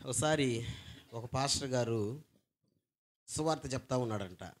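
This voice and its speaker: A man preaching a sermon to a congregation. He asks rhetorical questions, tells stories, and urges his listeners to call back loudly. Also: mid-range voice, measured pace, slight background noise. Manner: call-and-response, urging the congregation to shout back. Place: church hall before a congregation.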